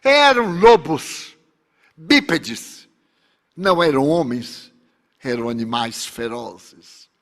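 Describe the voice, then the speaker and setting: A woman who survived great cruelty speaks of forgiveness, as a man retells her words. Her voice is high and unhurried, and each phrase comes out solemn and heavy with grief. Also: animated, fairly bright tone, full character voice.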